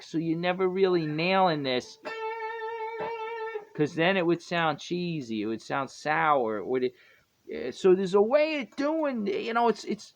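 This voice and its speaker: High-voiced rambling guitar teacher man. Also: vocal fry. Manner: rambling, self-correcting, chuckles often. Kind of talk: casual music lesson. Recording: dull lo-fi with guitar playing.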